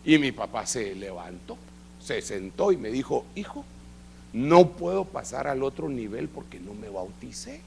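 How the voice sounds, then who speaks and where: Gravelly middle-aged preacher telling a story. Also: male voice, mid-range voice, a little slow, a little hiss or hum. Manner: animated storytelling, acting out quoted dialogue. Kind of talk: sermon testimony. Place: church service.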